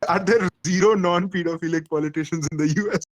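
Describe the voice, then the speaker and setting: A man's voice: high voice, fast. A man from India chatting casually on a voice call, rambling with restarts and swearing. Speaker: discord call participant. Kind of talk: casual chat.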